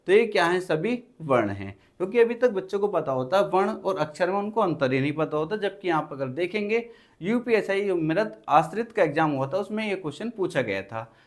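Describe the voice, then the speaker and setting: A man from India with a Hindi accent from Uttar Pradesh, teaching an exam-prep grammar lesson and answering his own questions in the students' voice. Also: high voice. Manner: repeats key phrases slowly while writing on a board.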